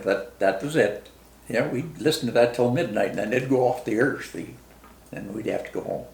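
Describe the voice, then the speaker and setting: Creaky old Midwestern veteran, remembering. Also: male voice, medium pitch. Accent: rural American Midwestern. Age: very old, 90s. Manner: old veteran remembering, halting and plain-spoken, folksy. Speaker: war veteran being interviewed. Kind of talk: casual reminiscing interview. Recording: roomy, echoing interview recording.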